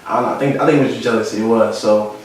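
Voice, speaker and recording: A man's voice: lowish voice, steady tone, very fast, slight background noise. A young man from Philadelphia with a Philadelphia accent, talking reflectively about his life in a casual interview, often repeating phrases. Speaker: interviewee, photographer. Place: studio room. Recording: echoey room, mic at a distance.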